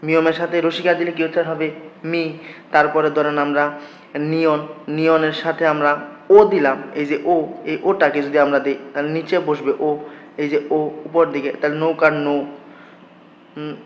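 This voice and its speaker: A man leads a patient language lesson in a fairly high voice. He keeps asking his class questions and answering them himself. The sound is a little dull and lo-fi, with a roomy echo around him. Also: level tone, moderate pace, slight background noise. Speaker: Korean language teacher. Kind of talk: classroom-style lesson explaining letters. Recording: echoey room, slightly dull lo-fi sound.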